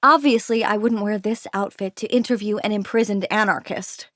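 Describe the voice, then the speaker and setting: A woman's voice: medium pitch, steady tone, moderate pace, a bit bright, no echo, lightly acted. A woman voicing a determined, indignant young woman reporter in an audiobook, with the spirited delivery of a cozy mystery narrator. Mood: defensive. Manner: spirited, protesting. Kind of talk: audiobook character dialogue.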